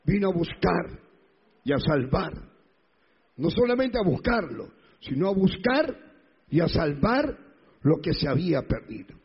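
A man's voice: high-pitched, big pitch swings, unhurried, pauses often, husky. A male pastor preaching a sermon emphatically, with rhetorical questions and repetition. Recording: echoey hall, dull lo-fi sound.

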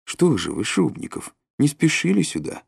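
A woman's voice: low-pitched, big pitch swings, normal speed, gravelly, a little mellow, slightly rough, no echo, studio quality, pitched above the performer's own voice, exaggerated voice. A man reading an audiobook, voicing a cool, sly woman who lures a nervous man, with coaxing, raised calls. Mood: teasing.

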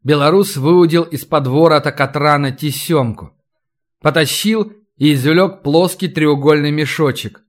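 A man narrating an adventure audiobook in a steady, even manner. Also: fairly high pitch, measured pace.

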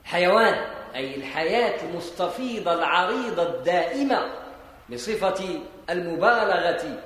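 A Moroccan man with a fairly high voice delivers an explanatory sermon, moving between formal phrasing and dialect. He leans hard into emphatic rises. His voice rings through a large hall with a long, heavy echo. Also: animated, normal speed, fairly bright tone. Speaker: Islamic preacher. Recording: echoey hall with long reverb.

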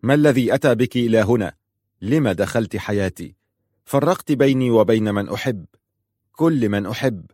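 A man's voice: mid-range voice, lively intonation, fairly quick, darkish tone, no room sound, studio quality, lightly acted. A man reading a storybook, voicing an angry, bitter man who accuses his cousin in heated questions. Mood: angry accusing.

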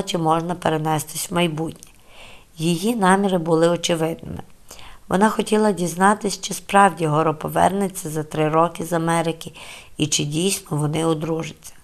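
A woman reads a novel aloud as an audiobook narrator. Her voice sits a bit low, and she tells the story in a calm, measured, steady way. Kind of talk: scripted literary narration.

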